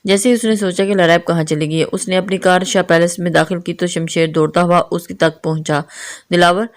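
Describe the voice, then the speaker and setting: Woman reading a romance novel out loud, lowish voice, steady. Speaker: novel narrator.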